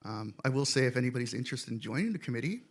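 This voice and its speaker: A man who organizes a security conference, speaking on a live panel in a relaxed, self-deprecating, rambling way. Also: mid-range voice, rapid-fire. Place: conference stage, live audience.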